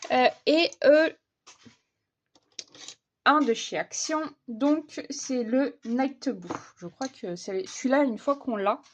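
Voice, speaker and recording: Slow, hesitant woman with a high voice. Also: slight background noise. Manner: hesitant, many fillers and restarts. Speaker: vlogger. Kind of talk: casual coloring vlog chat.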